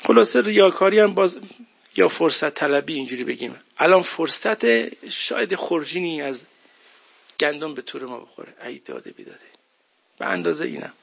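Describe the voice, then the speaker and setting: A man delivers a religious sermon in an emphatic, conversational style and keeps asking his listeners questions. His voice sits somewhat high for a man and is husky and gravelly. The recording sounds dull and lo-fi. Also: sing-song. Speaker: preacher.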